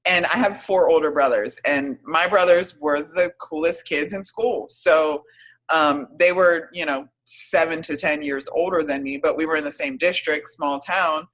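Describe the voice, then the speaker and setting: A woman in her thirties, a podcast guest telling her own story in a hesitant, reflective way with many pauses and fillers. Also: sits low, fairly bright tone, rough recording. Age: 30s. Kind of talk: casual interview storytelling.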